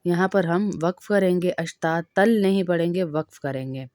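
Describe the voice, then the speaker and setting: A woman teaching Quran recitation, reciting slowly word by word and explaining pronunciation rules in between. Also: lowish voice, darkish tone, dry recording. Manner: slow drawn-out recitation, brisk explanations between. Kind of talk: slow recitation lesson with explanations.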